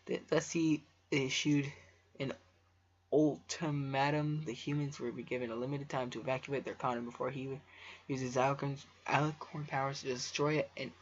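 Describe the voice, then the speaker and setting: A man with a medium-pitched, flat voice reads a story aloud at a moderate pace, casually, for a video. He's an amateur fan fiction reader and video creator who stumbles over words and drifts into offhand asides. The home recording sounds dull and lo-fi.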